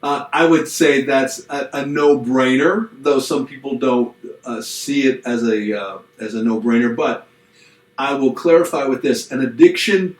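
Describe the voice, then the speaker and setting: A middle-aged man co-hosts a podcast in a casual, reflective way, circling back with restarts and slipping in dry, self-deprecating jokes. His voice sits at an ordinary mid pitch. It rings around an echoey room. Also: unhurried, distant mic. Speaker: podcast co-host, pastor. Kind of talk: casual chat.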